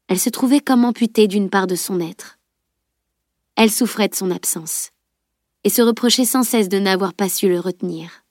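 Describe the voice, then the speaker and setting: A woman narrating an audiobook novel with a steady, even reading. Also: medium pitch, dry recording, studio quality. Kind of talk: scripted narration.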